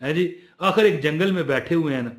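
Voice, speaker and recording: A man telling a religious story, animated, moving between loud emphasis and quiet asides. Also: a little high, fairly quick, reverberant.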